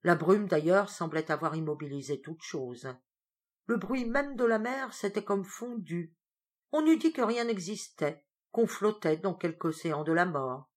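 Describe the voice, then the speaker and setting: A woman reading a first-person sea tale aloud in a dramatic, theatrical way. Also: a little slow. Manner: expressive, theatrical, with sudden rises in pitch and loudness for suspense. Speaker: storyteller.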